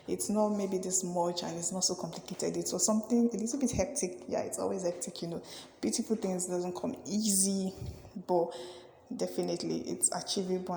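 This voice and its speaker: A woman's voice: on the low side, a little mellow, slight background noise. Chatty young woman vlogger, echoey room. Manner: chatty and effusive, repeatedly urging viewers to like and subscribe. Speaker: fashion and sewing vlogger. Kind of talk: casual chat to camera. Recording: echoey room with long reverb.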